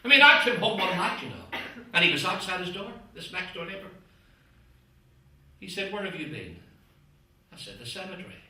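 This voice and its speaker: A man doing stand-up one-liners in a club, chatting to the audience as ladies and gentlemen. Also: high-pitched, very animated, fairly quick, pauses often. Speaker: stand-up comedian. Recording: echoey club from a distance. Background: audience laughter.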